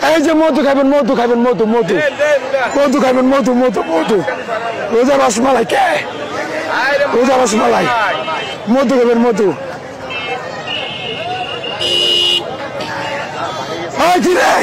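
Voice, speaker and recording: Hoarse market guy yelling his sales pitch over and over, very high voice, loud crowd all around. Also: lively intonation, moderate pace, long pauses. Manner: chanting repeated sales calls, hoarse from shouting. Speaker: street watermelon seller. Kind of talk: loud street hawking. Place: busy outdoor street market. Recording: outdoor street with loud crowd. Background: loud crowd noise.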